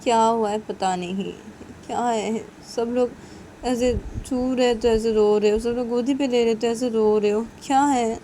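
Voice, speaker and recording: A woman voicing an emotional young man who has just adopted a baby, in a high, pleading, tearful voice. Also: steady tone, unhurried, mellow, slight background noise, close to an everyday voice. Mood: fretful.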